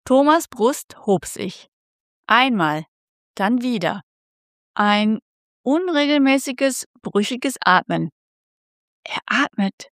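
A woman reading a tense story aloud as narrator, with slow, measured delivery. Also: mid-range voice, no echo, studio quality. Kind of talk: scripted narration.

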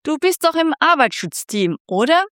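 A woman's voice: sits high, sing-song, normal speed, a bit bright, no echo, clean studio sound, voice pushed up. A woman voicing a worried young female factory worker who speaks hesitantly and trails off, in a read-aloud story.

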